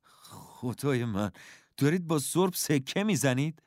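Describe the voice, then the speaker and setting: A man voicing a calm, kindly father who is a schoolteacher, speaking gently and encouragingly in a storybook reading. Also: medium pitch, no room sound, clean studio sound, pitched above the performer's own voice, lightly acted. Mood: gentle encouraging.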